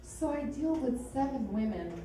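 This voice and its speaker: A woman stand-up comic from Hawaii, delivering sardonic and bawdy material at an unhurried pace. Her voice is mellow and a bit high. The sound comes from a distance in a very echoey club. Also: animated. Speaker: stand-up comedian. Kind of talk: stand-up comedy set. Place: comedy club stage.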